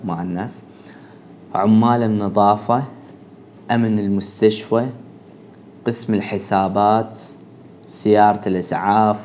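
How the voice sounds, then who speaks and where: A man from Iran, a Persian native speaker, teaching as a language teacher. He reads a vocabulary list aloud one word at a time with short pauses, then explains. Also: on the low side, darkish tone, slight background noise.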